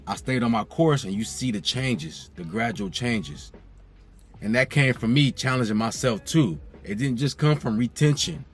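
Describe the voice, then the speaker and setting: Speaking to his viewers at a normal speed with soft music in the background, this young man keeps his direct-to-camera vlog relaxed and conversational. His voice is mid-range, and he repeats phrases to stress a point.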